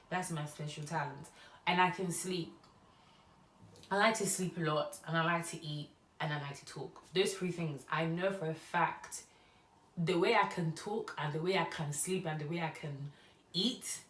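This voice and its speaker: A woman's voice: deep voice, reverberant, distant mic. A young woman from Ghana with a Ghanaian English accent tinged with Nigerian touches, chatting and rambling through a get-to-know-me vlog. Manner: chatty, rambling, animated storytelling. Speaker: YouTuber.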